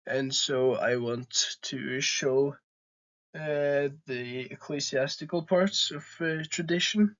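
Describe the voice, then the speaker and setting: A young channel host from Norway talks straight to the camera in a relaxed vlog, his accent clearly Norwegian. He takes it slowly, and his medium, slightly bright voice sounds dull on the recording. He's earnest, hesitant, and leans on frequent "uh"s.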